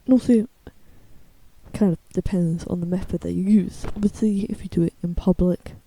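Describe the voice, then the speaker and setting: A woman's voice: steady tone, moderate pace, mellow. A young woman in a casual, blunt, slangy ramble, her speech slightly lisped by the dental retainers she is wearing. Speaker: video creator. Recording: low-quality muffled microphone.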